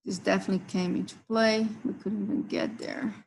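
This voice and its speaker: A woman's voice: mid-range voice, level tone, a little fast, vocal fry, darkish tone, husky, poor audio. A woman hosting a live trading session, walking members through chart levels and price zones. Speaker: trading stream host.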